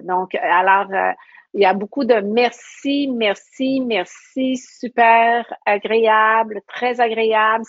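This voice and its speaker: Slow, hesitant woman on a call. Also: a little high, dry recording. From Quebec. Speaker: event organizer. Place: video call. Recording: dry, lo-fi call audio.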